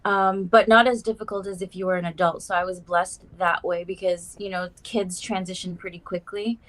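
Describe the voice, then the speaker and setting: A woman's voice: on the low side, fairly even intonation, moderate pace. A young adult woman from South Africa chatting casually as a guest, with lots of "like" and "um". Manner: chatty, warm fillers, many "like" and "um". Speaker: guest musician. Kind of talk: casual interview chat.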